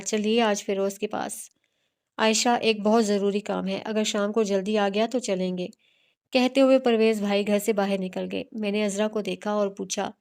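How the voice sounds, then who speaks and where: Woman, audiobook narrator, smooth clear voice, middle pitch. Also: a little mellow. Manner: reads all characters' dialogue in her own voice. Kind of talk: first-person novel narration.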